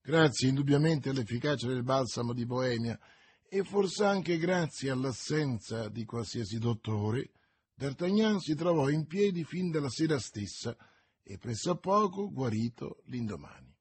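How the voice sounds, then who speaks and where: A man narrating a novel as an audiobook, measured and expressive, with a husky voice. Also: medium pitch, no echo.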